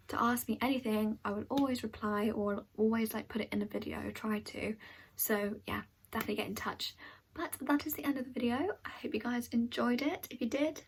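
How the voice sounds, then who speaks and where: A woman's voice: fairly high pitch, a little hiss or hum, poor audio. A young woman vlogger chatting casually to camera in a Q&A, frank and full of fillers. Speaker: beauty vlogger.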